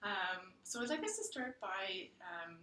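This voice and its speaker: A woman counselor with a bright, forceful tone speaks gently and reflectively, padding her summaries with frequent ums. She sounds set back from the mic in an echoey room, with a faint hiss under her voice. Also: medium pitch, expressive, a little slow, recorded from a distance. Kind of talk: practice counseling session.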